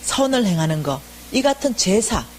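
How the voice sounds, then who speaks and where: A middle-aged woman giving a church lecture, telling a personal testimony in an animated way and acting out the voices of the people she quotes. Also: medium pitch, normal speed, a little hiss or hum.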